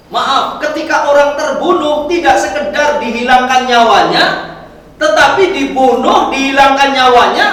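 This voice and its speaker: Male preacher, high voice, distant mic in a reverberant mosque hall, faint ambience. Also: a bit bright, a little hiss or hum. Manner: explanatory, asks the audience questions. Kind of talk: dawn sermon to a congregation. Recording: echoey hall from far off.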